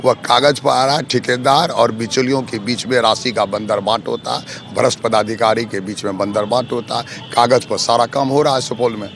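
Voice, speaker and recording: Man, local candidate, forceful, accusatory, mid pitch, faint street noise. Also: creaky. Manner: forceful, accusatory, repetitive lists. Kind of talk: outdoor interview answers.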